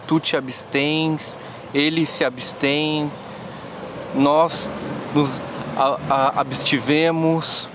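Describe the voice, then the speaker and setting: A man with a slightly raised voice talks through a language app tutorial. He explains slowly, restarting phrases as he goes. A faint hum sits behind him. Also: a little high, fairly bright tone. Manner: slow, halting explanations with frequent restarts. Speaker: language teacher. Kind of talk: screen-recorded app tutorial.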